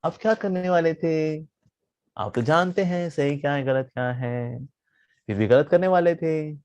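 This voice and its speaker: A man, a monk preacher, telling a story in a sermon with playful, animated delivery. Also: fairly high pitch, measured pace, clean tone, dull audio.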